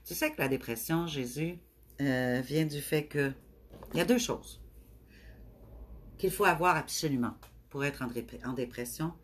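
Québécois woman, middle-aged, low voice, tender spiritual host, halting delivery. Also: a little hiss or hum. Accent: Québécois French. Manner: gentle, affectionate, with frequent hesitations. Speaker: spiritual speaker hosting a live stream. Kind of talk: live stream talk to viewers.

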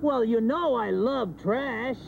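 A man voicing Oscar, a grumpy male grouch creature who loves trash, with a gravelly high drawl on a dull lo-fi TV recording. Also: slow pace, full character voice. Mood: grumbling. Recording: dull lo-fi TV recording, faint hiss.

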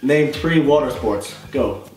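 A young man hosting a quick-fire quiz game, reading questions and laughing and teasing the players. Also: mid-range voice, lively intonation. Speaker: quizmaster host. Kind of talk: casual challenge game. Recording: echoey room, far from mic, faint music.

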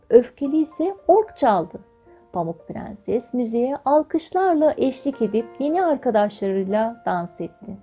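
A woman in her twenties narrating a children's fairy tale in an expressive, storybook manner. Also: on the high side, creaky, husky. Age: 20s. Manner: expressive, animated reading.

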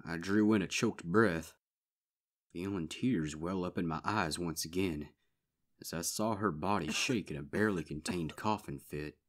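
Male reader, low voice, somber first-person audiobook narration. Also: measured pace. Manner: solemn, sorrowful storytelling. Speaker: fanfiction reader.

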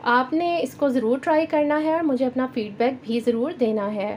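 A woman with a Pakistani Urdu accent hosting a cooking channel, giving calm step-by-step recipe instructions in a voice-over. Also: sits high, normal speed, slight background noise. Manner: calm, instructive, addresses viewers directly.

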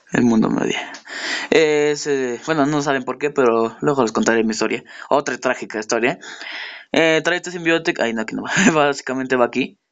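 A man talks through a toy review in a loose, unscripted way. He rambles, corrects himself, and laughs at his own remarks. His pitch sits in the ordinary middle range for a man. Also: a little slow, long pauses, a bit bright, dull audio. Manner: rambling, self-mocking, laughs often.

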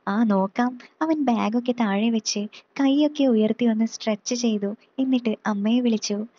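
A woman reading a story aloud in a steady, plain way. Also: on the high side, moderate pace, slightly rough, muffled recording.

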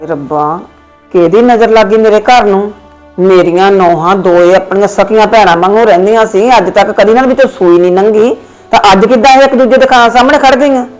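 A woman's voice: mid-range voice, fast talker, darkish tone, faint music behind, poor audio. A middle-aged woman with a Punjabi accent, acting a fretful, scolding mother-in-law in a family skit. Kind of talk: scripted family drama acting.

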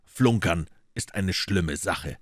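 A man voicing a calm, ironic detective in a German audiobook, speaking low and measured. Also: dry recording, clean studio sound, exaggerated voice. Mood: cool ironic. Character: Sherlock Holmes, cool calm detective, man.

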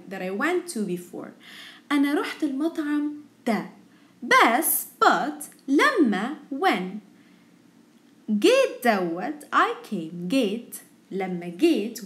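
A woman's voice: a little high, fairly bright tone. A woman with an Egyptian Arabic accent teaching a language lesson, repeating words and their translations in an instructional way.

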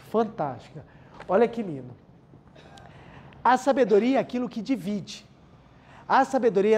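A man's voice: high voice, a little mellow. A man with a Brazilian accent giving a spiritual lecture, telling personal stories, repeating key phrases and often addressing the listeners directly. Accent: Brazilian Portuguese.

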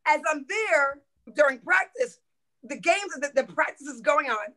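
A middle-aged woman, a former football coach, telling stories in a podcast interview, lively and swearing freely as she acts out quotes. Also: high voice, unhurried, low-quality recording. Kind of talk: animated storytelling in a podcast interview.

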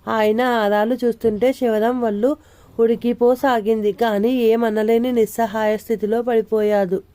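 Mellow woman reading an audio novel. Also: on the high side, flat delivery, moderate pace. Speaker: narrator. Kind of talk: scripted narration of an audio novel.

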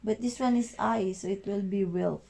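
A woman's voice: mid-range voice, normal speed, gravelly, dark tone. A mother in a casual family vlog, laughing often and patiently coaching her child's reading. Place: outdoors on a windy, rainy walk to school.

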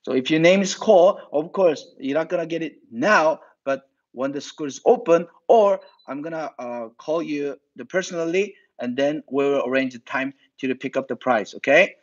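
A man running an online martial arts class, hoarse and speaking broken English in an upbeat emcee manner. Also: on the high side, moderate pace, few pauses. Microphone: phone. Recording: dull lo-fi phone audio.

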